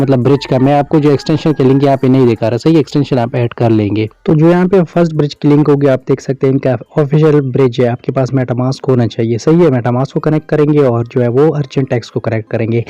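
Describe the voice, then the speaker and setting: A man, hosting a screen-recorded crypto tutorial in a fast, instructive way. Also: medium pitch, dark tone, no room sound. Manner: fast, instructive, repeats filler phrases. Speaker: crypto YouTuber. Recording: dull lo-fi audio with faint music.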